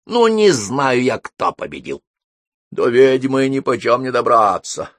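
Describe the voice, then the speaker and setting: A man voicing a worn-out young wizard with a cold in a storybook reading, hoarse and sardonic. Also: medium pitch, very animated, measured pace, fairly bright tone, no room sound, pitched above the performer's own voice. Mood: weary, wry. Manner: tired, sardonic.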